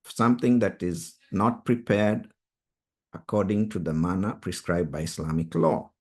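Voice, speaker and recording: Over a video call, a Swahili-speaking man with a fairly low voice leads a Bible study group online. He teaches very slowly and deliberately, his tone earnest and emphatic.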